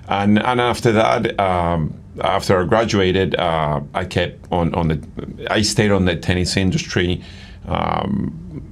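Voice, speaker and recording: A middle-aged Argentine padel coach, appearing as an interview guest, talks enthusiastically in a low, creaky voice with many fillers and restarts. It's a casual interview conversation, with slight background noise.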